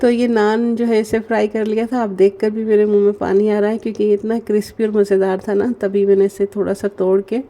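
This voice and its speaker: A Pakistani woman vlogger narrates her daily routine as a casual voice-over, talking slowly, softly and gently because her throat is sore. Her mid-range voice barely shifts in pitch, and her chatty delivery is packed with fillers.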